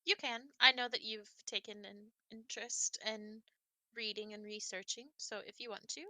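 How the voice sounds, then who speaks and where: A woman's voice: on the high side, flat delivery, normal speed, bright, forceful tone, dry recording. A woman voicing an earnest, polite adventurer in a tabletop game. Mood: eager. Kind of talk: tabletop role-play voicing.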